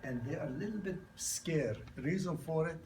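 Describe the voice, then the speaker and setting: With a fairly high, expressive voice at a moderate pace, this product presenter in his sixties pitches informally to an audience. Raised in New York yet speaking with a non-native accent, he tells stories, restarts, repeats and uses broken grammar. The mic is distant and the background noisy.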